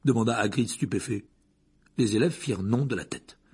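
A man narrating an audiobook in an expressive storytelling manner. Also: fairly low pitch, normal speed, breathy edge. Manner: expressive storytelling, voices the characters.

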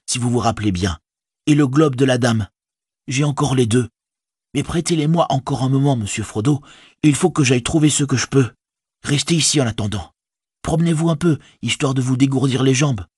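A man's voice: medium pitch, normal speed, darkish tone, husky, no echo, clean studio sound, pitched above the performer's own voice, close to an everyday voice. Sam Gamgee, a man doing a humble loyal hobbit. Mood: determined. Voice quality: folksy colloquial speech, deferential. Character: loyal humble young male hobbit servant, earnest. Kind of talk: audiobook character voice.

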